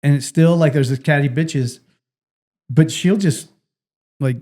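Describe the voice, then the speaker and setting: A man's voice: on the high side, unhurried. A middle-aged man co-hosting a podcast, telling stories in casual chat and acting out what people said. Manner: animated storytelling, acts out quotes. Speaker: podcast co-host.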